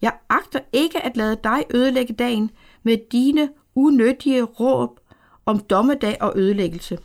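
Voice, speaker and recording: Proud angry ancient king, scornful, gravelly voice, bit high, read by a woman. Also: lightly acted. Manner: scornful, dismissive.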